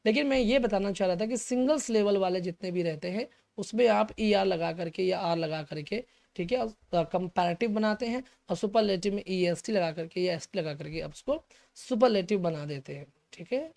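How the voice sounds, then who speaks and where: A man with a high-pitched, gravelly, darkish voice teaches an English grammar lesson to exam students. He goes step by step, poses questions and answers them himself, says "okay" after each point, and slows down to spell out key English terms.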